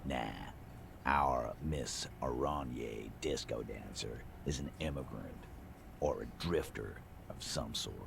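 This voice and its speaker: A man voicing a gruff, surly tough guy who runs the docks, blunt and crude in a video game reading. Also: rumbling low, slow, background noise, pitched below the performer's own voice, full character voice. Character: gruff, surly tough male dock boss.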